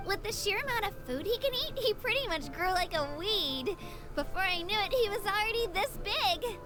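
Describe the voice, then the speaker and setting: A woman voicing a shy, earnest young woman in a video game, who speaks gently and a little unsure of herself. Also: very high-pitched, lively intonation, moderate pace, music in the background. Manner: gentle, a little self-doubting.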